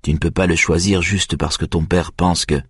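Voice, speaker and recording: A man voicing a calm, cocky young male violinist in an audiobook, in a low, husky voice close to his own. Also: no room sound. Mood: laid-back. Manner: calm, unhurried, confident.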